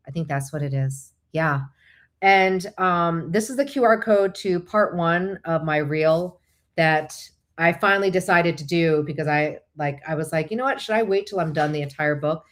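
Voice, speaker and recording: A low-pitched woman speaking at a normal pace, a native Korean speaker, hosts a casual, chatty livestream. She often goes off on tangents and thinks aloud while answering viewers. She hosts a live online show and is also a licensed therapist.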